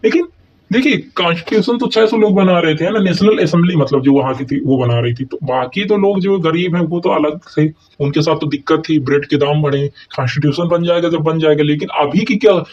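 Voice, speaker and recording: A man's voice: a little high, brisk, darkish tone. Man explaining history notes, lo-fi. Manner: keeps asking and answering his own questions, with many "thik hai" and "hai na" check-ins. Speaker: history teacher. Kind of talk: explaining exam notes in a mix of Hindi and English. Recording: dull, lo-fi recording.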